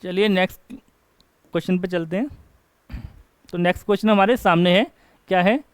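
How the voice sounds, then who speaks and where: A man teaching an English grammar class, asking questions and answering them himself and reading example sentences slowly. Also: high-pitched, clean tone, dry recording. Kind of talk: classroom lecture. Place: coaching class.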